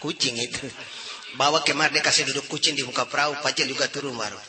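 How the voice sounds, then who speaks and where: A man with a Papuan accent telling funny folk stories, lively and jumping into characters' voices. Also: mid-range voice, rapid-fire. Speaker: comedy storyteller. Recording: roomy echo.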